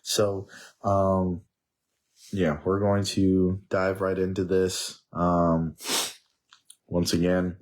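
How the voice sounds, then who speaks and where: A man with a head cold, sounding congested and monotone, casually reading the Bible aloud with comments and many fillers. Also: low voice, extremely slow, pauses often. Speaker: Bible reading podcast host.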